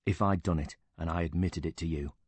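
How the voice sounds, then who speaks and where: A man voicing a bitter, quick-tempered older widower who talks with indignant sarcasm and swears freely. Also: deep voice, fairly even intonation, darkish tone, husky, no echo.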